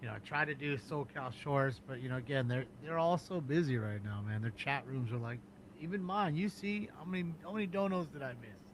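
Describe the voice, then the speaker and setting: A man's voice: medium pitch, fairly quick, hardly any pauses, a little hiss or hum. A man hosting a casual livestream, rambling and thanking donors. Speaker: livestream host.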